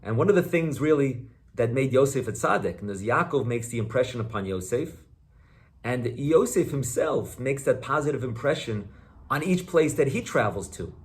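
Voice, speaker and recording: A man speaking as a rabbi in a sermon, earnest and questioning, posing points and explaining them with deliberate emphasis. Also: mid-range voice, lively intonation. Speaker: rabbi giving a Torah talk.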